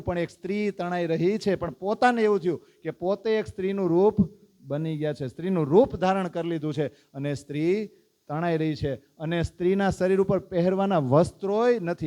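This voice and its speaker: Man telling a devotional story. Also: fairly high pitch. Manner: animated storyteller, asks listeners questions. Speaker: spiritual teacher.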